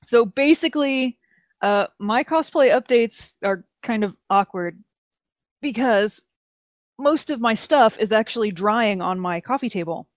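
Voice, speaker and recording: A woman from Texas hosting a casual podcast, chatty and animated, laughing often. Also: on the high side, measured pace, no room sound, dull audio. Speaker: podcast host.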